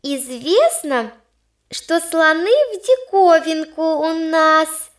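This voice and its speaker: A plump schoolgirl in storybook reading, thin squeaky drawn-out singsong, very high. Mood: mocking singsong.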